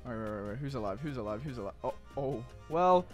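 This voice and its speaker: A man chatting excitedly while playing an online game with friends, yelping and panicking loudly at surprises. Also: mid-range voice, fast talker, over music. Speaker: gaming YouTuber playing with friends. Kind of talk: excited gameplay chat.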